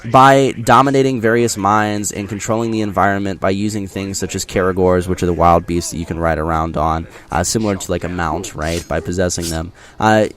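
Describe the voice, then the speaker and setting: A man's voice: low-pitched, fairly even intonation, brisk, few pauses, fairly bright tone. A man talking casually through his impressions of a video game, explaining things directly to viewers in a conversational way. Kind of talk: casual scripted-free game impressions commentary over gameplay.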